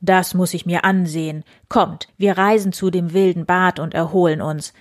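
A woman's voice: fairly low pitch, fairly even intonation, normal speed, close to an everyday voice. A woman voicing a proud, hearty medieval count in a storybook reading.

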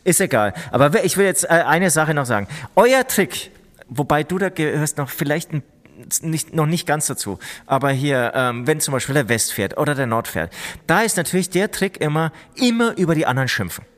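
A man's voice: on the high side, sing-song, brisk, fairly bright tone. A man chatting casually in German, defending himself with joking jabs at his friend. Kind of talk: casual chat.

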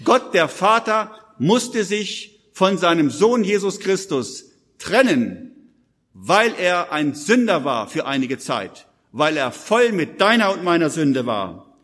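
A man with a high voice preaches urgently to a gathered crowd, pressing each point with emphasis. His words ring out with a long hall reverb behind them. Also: very animated, slow, fairly bright tone. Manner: urgent, emphatic, addresses listeners directly. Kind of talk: live sermon. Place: church hall with audience.

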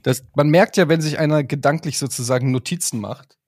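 A man's voice: on the high side, brisk, no room sound, clean studio sound. A man co-hosting a casual podcast, playful and self-mocking, who drifts into jokes. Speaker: podcast co-host. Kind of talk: casual chat.

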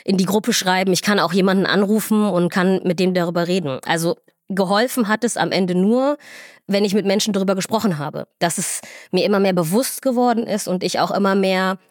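A young woman, a resident doctor, speaking reflectively with many pauses and fillers in a podcast interview. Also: medium pitch, no room sound, studio quality. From Somalia, raised in Germany. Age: young adult. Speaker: resident doctor in gynecology and obstetrics.

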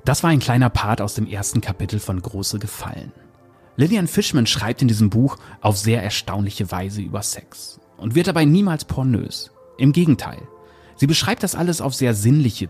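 Male book reviewer: dark, husky delivery, calm and measured, faint music underneath. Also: mid-range voice. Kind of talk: book review with read-aloud excerpt.

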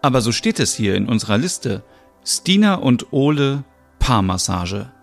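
A man's voice: mid-range voice, big pitch swings, unhurried, gravelly, soft background music. A man voicing a cheerful male spa masseur in an audio soap opera, upbeat and formal. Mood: welcoming.

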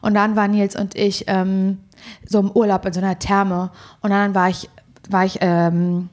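A woman's voice: medium pitch, normal speed. A young woman co-hosting a podcast, telling a story in casual chat and acting out the dialogue. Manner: animated storytelling, acts out quoted dialogue. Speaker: podcast co-host.

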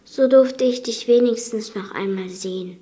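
A woman voicing a gentle, weary male beast who speaks quietly and subdued. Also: on the high side, moderate pace, natural voice. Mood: weak.

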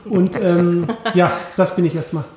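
A man's voice: sits high, fairly even intonation, darkish tone. A man, a journalist co-hosting a podcast, introducing himself casually with many fillers. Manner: unhurried, filler-heavy. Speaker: podcast co-host, journalist and copywriter. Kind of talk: casual conversational interview. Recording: very echoey room.

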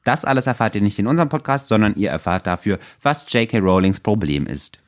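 A man's voice: fairly low pitch, animated, fast. A man co-hosting a casual podcast about a book, making ironic jokes. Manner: ironic, joking. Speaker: podcast co-host.

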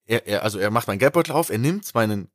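A man's voice: lowish voice, quick pace, no room sound. Man telling a story, dry studio sound. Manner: animated anecdote telling with many fillers and restarts. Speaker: podcast co-host. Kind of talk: casual storytelling chat.

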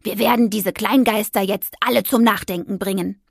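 A hot-tempered young witch from an audio storybook speaks brash and self-righteous, her voice pitched above the narration, as a woman reader acts her out. A husky, grainy tone, close and dry. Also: steady tone, moderate pace, no room sound. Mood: defiant. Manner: indignant, brash, shouting at passers-by.

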